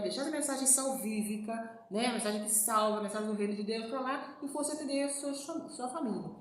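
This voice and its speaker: A woman preaches informally, checking in with her listeners at almost every turn. Her voice sits a bit high. She sounds like she's in a very echoey room, with faint background noise. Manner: chatty, repeats "né" and "gente" to the listeners. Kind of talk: informal sermon.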